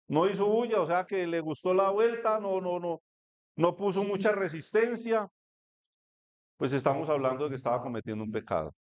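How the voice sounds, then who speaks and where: A man with a Colombian Spanish accent preaching a sermon, reading scripture and asking the congregation questions. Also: sits high. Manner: asks the congregation questions, reads scripture aloud. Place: church hall. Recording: echoey church room.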